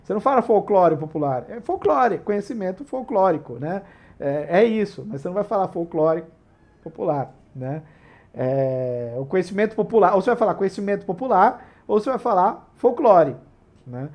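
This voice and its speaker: A man's voice: high-pitched, lively intonation, moderate pace, darkish tone. A man with a Brazilian Portuguese accent, hosting a tabletop RPG channel and explaining rules in a casual, digressive way with frequent tag questions.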